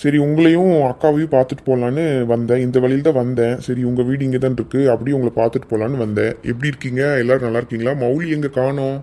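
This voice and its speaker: A man's voice: mid-range voice, fairly even intonation, fast, few pauses, dark tone, close to an everyday voice. A man voicing a reassuring police uncle who takes charge, in a cartoon. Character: calm helpful police uncle, young man.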